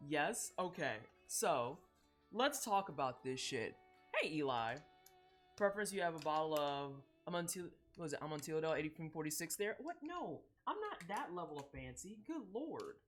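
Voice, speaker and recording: A woman streaming while she bakes, telling stories in a profane, animated, chatty way. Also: low-pitched, normal speed, soft background music. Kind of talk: casual live-stream chat while baking. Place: home kitchen.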